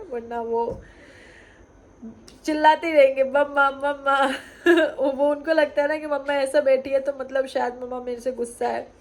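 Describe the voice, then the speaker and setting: A woman's voice: on the high side, darkish tone. A young woman with a cold and sore throat, chatting casually to camera as a vlogger at home at night. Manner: chatty, fond mother talking to camera. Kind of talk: casual home vlog chat.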